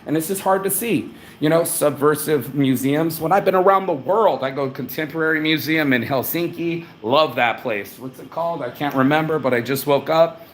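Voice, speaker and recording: Speaking at normal speed with a fairly high pitch, a New Orleans man vlogs a live travel update from his hotel room in a blunt, rambling, profane way. Faint ambience fills the echoey room, along with slight hiss or hum.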